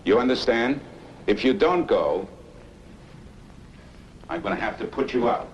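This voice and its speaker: A middle-aged actor playing a firm, lecturing husband who turns fretful when pressed, in hissy 1970s TV film audio. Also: male voice, mid-range voice, lively intonation, measured pace, highs cut off, lightly acted. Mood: stern. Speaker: homeowner and husband.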